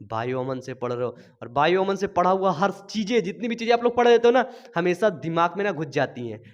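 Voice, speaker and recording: High-voiced energetic male biology teacher. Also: fast, highs cut off. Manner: lively, keeps asking and answering his own questions; motivating, playful everyday examples. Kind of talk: energetic classroom lecture.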